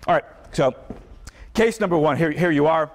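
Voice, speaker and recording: A man's voice: on the high side, normal speed. A man giving a university philosophy lecture in a conversational way, often repeating words and acting out the voices he quotes. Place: large lecture hall. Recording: long reverb of a lecture hall.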